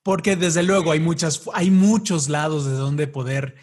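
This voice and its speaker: A man's voice: on the high side, steady tone, measured pace, a little mellow. A man hosting a conversational podcast in an effusive, enthusiastic way. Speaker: podcast host.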